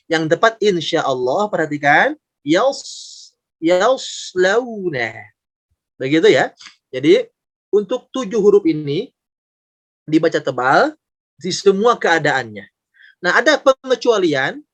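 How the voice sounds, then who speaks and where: A man teaching a Quran recitation class online, patient and step by step, slowly sounding out each letter and repeating examples. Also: sits high. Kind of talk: online tajweed lesson. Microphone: video call.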